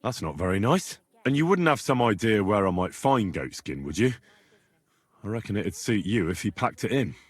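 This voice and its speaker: An actor playing a rough, cheeky young medieval adventurer who speaks coarsely in a video game. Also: male voice, fairly low pitch, big pitch swings, normal speed, dry recording. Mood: probing. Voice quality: colloquial, coarse speech. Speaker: game protagonist.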